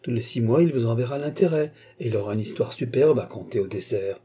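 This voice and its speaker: Man voicing a breezy painter, teasing, dark husky tone. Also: medium pitch, lively intonation, fast. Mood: amused. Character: cheerful amused male painter friend.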